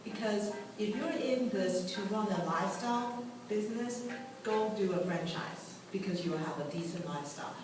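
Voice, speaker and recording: A woman's voice: mid-range voice, normal speed, music in the background. Candid woman investor, echoey far room. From Taiwan and Gambia. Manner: candid, laughs at her own asides. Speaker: venture capital partner. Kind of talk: talk to a live audience. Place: meeting room at a tech club.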